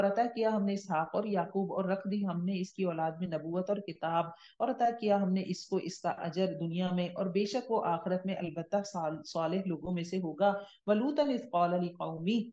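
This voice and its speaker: A woman's voice: mid-range voice, darkish tone. Woman Quran teacher, Pakistani Urdu accent: recites a verse, then explains it conversationally. Roomy, dull lo-fi sound. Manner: conversational, asks and answers own questions. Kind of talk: Quran tafsir lesson.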